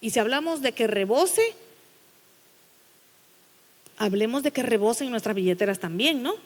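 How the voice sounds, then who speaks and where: A woman pastor with a high voice delivers a blunt, no-nonsense sermon, pressing her listeners with rhetorical questions. Her voice rings out with the long reverb of a church sanctuary. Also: animated, moderate pace.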